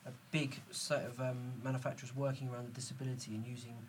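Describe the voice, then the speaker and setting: A man hosting a casual panel discussion, talking quickly with frequent restarts and fillers. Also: medium pitch, flat delivery, distant mic, a little hiss or hum. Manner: quick, hesitant, many restarts. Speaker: host.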